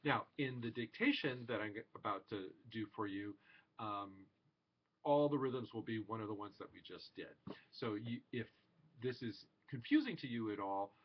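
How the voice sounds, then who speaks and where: A man's voice: on the low side, normal speed, slightly rough, lo-fi sound. A man teaching a music theory lesson, patiently explaining beats and chanting rhythm syllables aloud.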